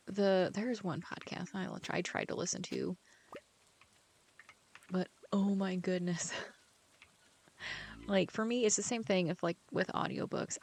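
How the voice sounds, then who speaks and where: A woman chatting casually while she plays a game, rambling from thought to thought with lots of "like" fillers and sometimes dropping almost to a whisper. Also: mid-range voice. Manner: rambling, chatty, heavy use of "like". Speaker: author playing a farming game. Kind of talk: casual gameplay chat.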